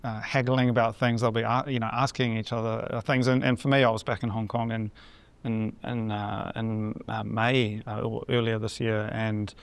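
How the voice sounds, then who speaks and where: A man hosting a podcast, introducing his guest and chatting in a halting, conversational way. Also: lowish voice, little pitch movement, gravelly, smooth. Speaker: podcast host. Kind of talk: interview conversation.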